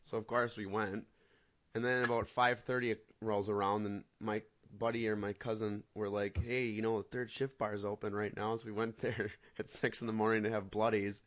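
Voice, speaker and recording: A podcast co-host in his mid-twenties speaks on the low side at a moderate pace, spinning rambling, animated stories punctuated by laughs. The casual chat comes through on dull lo-fi audio.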